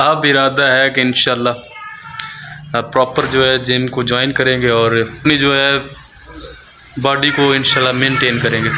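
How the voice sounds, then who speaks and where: A man in his thirties vlogs outdoors at night, holding his phone at arm's length. His voice sits at an ordinary middle pitch, and he talks in a relaxed, rambling way with small hesitations. A clear hum of outdoor ambience runs under the phone recording. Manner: relaxed, chatty, with frequent "inshallah" and hesitations. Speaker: vlogger. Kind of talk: casual vlog to camera.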